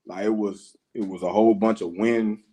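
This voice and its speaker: Co-host, man, lower register, relaxed slangy banter. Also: normal speed. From Louisiana. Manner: laid-back, slangy, laughs often. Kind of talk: casual chat. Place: home.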